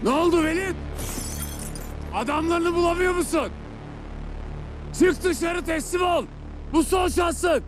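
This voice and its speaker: An actor playing a stern male military officer, shouting slow, drawn-out surrender commands through a megaphone. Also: extremely high pitch, music in the background. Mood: commanding. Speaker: soldier demanding surrender.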